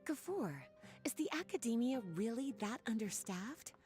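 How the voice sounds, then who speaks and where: A woman's voice: on the high side, expressive, normal speed, warm tone, faint music behind, natural voice. [name], a woman as a sultry, teasing scholar. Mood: firm, composed.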